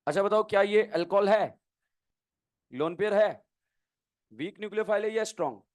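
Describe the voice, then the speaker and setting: A man's voice: high voice, moderate pace. A man teaching a chemistry class, firing questions at students, answering them himself and slipping in jokes. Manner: quizzing students, answering his own questions; joking, playful teasing. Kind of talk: classroom lecture.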